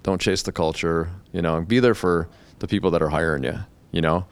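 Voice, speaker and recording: A man's voice: low-pitched, steady tone, brisk, clean tone. A middle-aged man talking casually as a podcast guest, blunt and joking, swearing now and then. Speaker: guest, hair educator.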